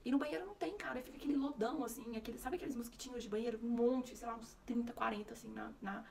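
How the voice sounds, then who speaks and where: A woman's voice: on the high side, very fast, gravelly, far from the mic, a crowd in the background. A young woman from Brazil with a Brasília Portuguese accent, telling a personal story to camera in a candid, conversational way and acting out the dialogue. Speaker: vlogger.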